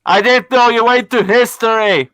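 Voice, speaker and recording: A man's voice: very high-pitched, fairly even intonation, normal speed, fairly bright tone. Man talking through a cupped-hand echo. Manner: playful, repeats a line into his hands. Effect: hollow echo made by cupping hands like a tube around the mouth. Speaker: tabletop game player. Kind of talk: casual tabletop roleplay.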